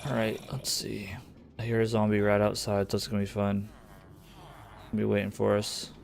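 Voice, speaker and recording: A man gives casual commentary while streaming a survival game, talking to himself and swearing under his breath at setbacks. His fairly low, monotone, gravelly voice has a darkish tone at normal speed, with lofi music faint behind him.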